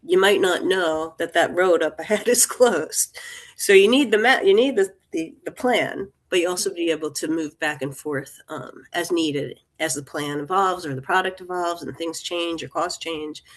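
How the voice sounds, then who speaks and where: A woman's voice: lowish voice, normal speed. A woman in her sixties, an interview guest, talking in a thoughtful, meandering way with restarts and small laughs. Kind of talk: casual interview talk.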